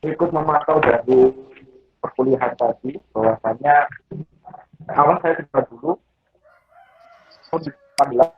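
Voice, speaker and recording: A man's voice: medium pitch, moderate pace, long pauses, a little hiss or hum. A man from Central Java speaks formally and respectfully on a video call, his audio choppy and breaking up. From Sragen, Central Java. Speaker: participant in an online lecture. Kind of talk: polite question on a video call. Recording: tinny, husky online call line.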